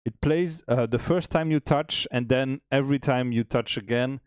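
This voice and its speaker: Relaxed, chatty man on a dev stream. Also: mid-range voice, moderate pace, smooth, dry recording. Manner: relaxed, chatty, laughs often, many restarts. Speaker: indie game developer. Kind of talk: casual chat on a dev stream.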